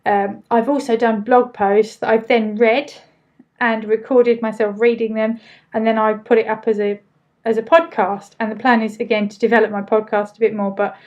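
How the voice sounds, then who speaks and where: A woman's voice: a little high, flat delivery, normal speed, darkish tone, dull audio. A woman with an Essex accent hosting a casual live training, chatting informally as she reads out and answers questions, with loosely pronounced words.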